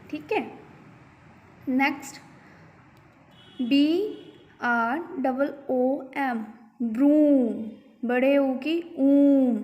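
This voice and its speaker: Woman teacher, high voice, very slow deliberate delivery, phonics lesson, long echo. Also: a little mellow, dull audio. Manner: spells words letter by letter and asks the class questions. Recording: long hall reverb.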